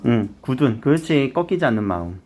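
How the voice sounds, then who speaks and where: A man's voice: mid-range voice, fairly quick, soft background music. A middle-aged man teaching literature to a classroom of students, explaining terms and quizzing them as he goes. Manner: lively, questioning the students often. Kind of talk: classroom lecture.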